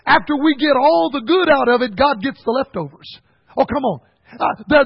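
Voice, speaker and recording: Gravelly high-voiced older preacher. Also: male voice, dry recording. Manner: folksy storytelling, calls the crowd son and buddy. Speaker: revival preacher. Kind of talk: sermon. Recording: dull lo-fi sound.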